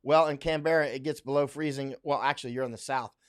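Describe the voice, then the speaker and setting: A man's voice: mid-range voice, steady tone, fast talker, clean tone. A man from Central Florida talking casually on a livestream, rambling with many restarts and fillers. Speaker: livestream host. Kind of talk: casual livestream talk, reading viewer comments. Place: home in Chiang Mai, Thailand.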